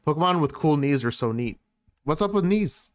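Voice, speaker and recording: A playful man co-hosts a casual podcast, laughing often as he chats. His voice is smooth and resonant. It is recorded dry and close, with no room sound. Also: on the high side, expressive, normal speed, dry recording. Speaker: podcast co-host. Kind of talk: casual chat.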